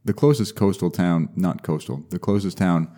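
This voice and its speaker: A young man, a mycologist guest, talking casually and explaining things in a measured way with some restarts. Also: low voice, warm tone. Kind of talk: casual podcast interview.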